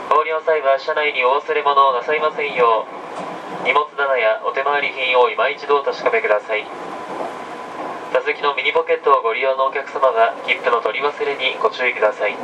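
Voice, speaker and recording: Male train conductor over a noisy, distant PA. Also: muffled recording. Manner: measured, formulaic and polite. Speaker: train conductor making announcements. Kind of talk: formal onboard announcement. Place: inside a moving train carriage. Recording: train PA from afar, loud carriage rumble. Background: train running noise.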